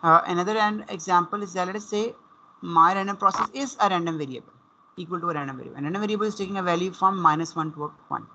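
A university lecturer with a Pakistani accent explains material in an online class, repeating and rephrasing himself and switching between English and Urdu. His high-pitched voice is quick, bright and forceful, and the dull, compressed call audio carries slight background noise.

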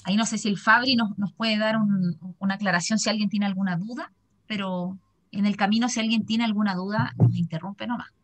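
A woman in her thirties with a Chilean accent, moderating a video-call workshop, chatty and lively as she reads out comments. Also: mid-range voice, a little fast. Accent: Chilean Spanish. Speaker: session moderator. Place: small bright office indoors. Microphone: laptop webcam mic on a video call.

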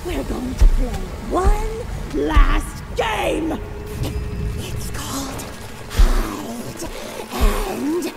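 A woman voicing a sadistic, sugary toy mommy in a video game, theatrical and singsong, with drawn-out gushing delivery. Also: sits high, expressive, gravelly, heavily acted. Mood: furious. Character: menacing long-limbed toy mommy, sugary sweet and sadistic. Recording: echoing hall reverb, music behind.

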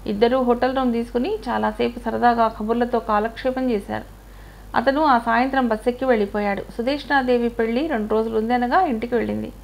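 A woman's voice: fairly high pitch, steady tone, fairly quick, gravelly. Woman narrating an audio story.

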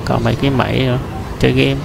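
A man with a heavily gravelly, creaky voice chats his way through an indoor amusement park, talking straight to his viewers. He rambles along with fillers and restarts in an even, flat delivery. Clear crowd and ride noise fills the space behind him. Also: mid-range voice, fast. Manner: chatty, addresses viewers directly, rambling with many fillers and restarts. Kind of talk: casual walking-tour commentary. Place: large indoor mall amusement park, noisy and busy.

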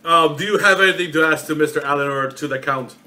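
Bright-voiced theatrical male host. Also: on the high side, quick pace. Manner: bossy, theatrical announcer. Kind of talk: comic talk-show hosting.

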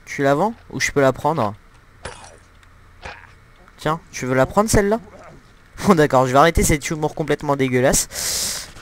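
A young gameplay commentator records joking, crude let's-play commentary at home into a desktop mic, giggling and using lots of fillers. His voice is on the high side at normal speed, with long pauses and slight background noise.

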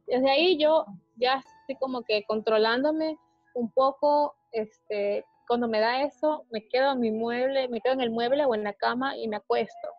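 A woman giving a personal testimony in a conversation, speaking hesitantly with many pauses and restarts. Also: fairly high pitch, no echo, dull audio, soft background music. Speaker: interviewee describing her panic attacks.

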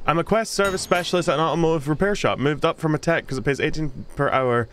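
A man's voice: on the high side, fast talker, fairly bright tone, slight background noise. A man casually commenting while playing a horror game, joking around and reading chat aloud. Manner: joking, reads chat aloud, playful silly voices. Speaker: gaming streamer. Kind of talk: casual let's-play commentary.

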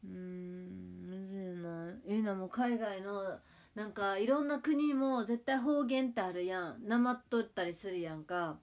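A woman's voice: medium pitch, measured pace. A woman in her twenties speaking with a Kagawa dialect, chatting casually with viewers on a livestream. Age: 20s. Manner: relaxed, chatty, answers viewer comments. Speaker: idol livestream host. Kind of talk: casual livestream chat reading comments.

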